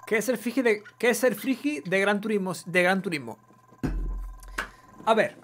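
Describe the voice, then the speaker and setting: A man's voice: sits high, normal speed, fairly bright tone, slight background noise. Chatty streamer man. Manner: chatty, swears casually, reads chat aloud. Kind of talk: casual live gameplay chat.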